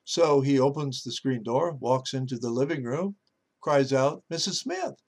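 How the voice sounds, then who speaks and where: A man's voice: mid-range voice, unhurried, darkish tone. A male pastor giving a motivational devotional talk in a folksy storytelling way, with lots of "uh" fillers.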